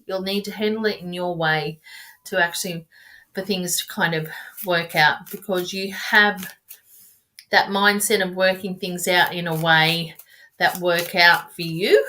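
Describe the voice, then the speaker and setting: A woman's voice: fairly low pitch, fairly even intonation, unhurried, pushed and bright. A woman giving casual tarot readings on a live stream, chatty and affectionate, rambling and restarting her sentences as she talks to viewers. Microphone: webcam or phone mic on a live stream.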